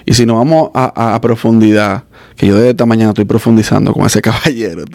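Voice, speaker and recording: A male podcast host who talks fast and lively, often slipping into quoted remarks. His voice is gravelly and sits right on a close mic in a dry studio. The feel is relaxed, casual interview chat. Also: on the low side, no room sound. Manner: fast, animated storytelling with quoted asides.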